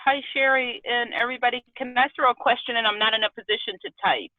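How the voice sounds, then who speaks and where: A woman's voice: on the high side, fast talker, no echo. A woman joining an online meeting, her voice breaking up and cutting in and out as she hurriedly and apologetically asks a question. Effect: voice breaking up, cutting in and out on a call. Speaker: meeting participant. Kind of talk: casual question on a video call. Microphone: remote call audio. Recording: tinny, dry call line with faint music.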